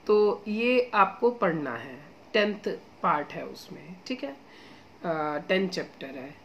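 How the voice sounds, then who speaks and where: Speaking slowly in a low, creaky voice with big pitch swings, a female exam coach offers relaxed study tips, chatting warmly and encouraging her students. She addresses them as "beta" and "guys," slips English phrases in, and repeats "theek hai" to check in. There's a little hiss or hum in the recording.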